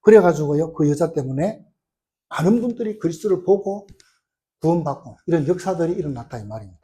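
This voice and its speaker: Animated Korean pastor, lively pitch. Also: male voice, brisk, slight background noise. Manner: animated, conversational preaching with sudden loud bursts. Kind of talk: sermon.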